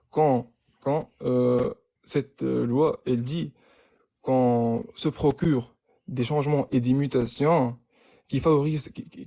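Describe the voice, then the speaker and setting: A young man with a soft-edged, mellow voice argues in a casual live debate. His French is broken, with stammered repeats and frequent searching for the right word. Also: mid-range voice. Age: young adult. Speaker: debate participant, student.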